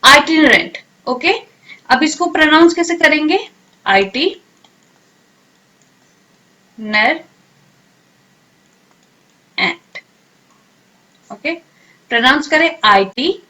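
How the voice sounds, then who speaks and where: A woman teaching English vocabulary in a drill lesson, asking each question and then answering it, and sounding words out slowly syllable by syllable. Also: sits high, pushed and bright, low-quality recording. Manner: repeats questions and answers, slow drilled pronunciation.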